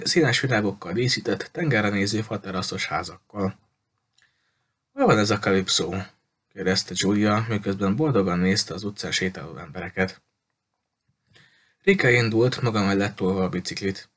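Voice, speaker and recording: A man narrating an audiobook in a steady storytelling manner. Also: lowish voice. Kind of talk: audiobook reading.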